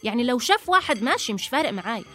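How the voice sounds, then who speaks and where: A woman's voice: a little high, sing-song, rapid-fire, bright, forceful tone, soft background music. A woman with a Jordanian Levantine accent, a podcast co-host chatting casually in an opinionated, teasing, argumentative way. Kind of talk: casual conversational banter.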